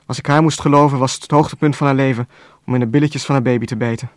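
A man reading a novel aloud as narrator, in a calm, even storytelling voice with a dry wit. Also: medium pitch, rapid-fire, no room sound. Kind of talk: scripted audiobook narration.

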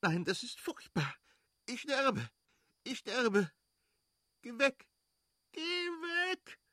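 Give me a man playing a terrified young woman in labor, pleading in a high, strained voice. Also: steady tone, slightly rough, dry recording, studio quality. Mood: anguished. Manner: high strained cries, rushed speech.

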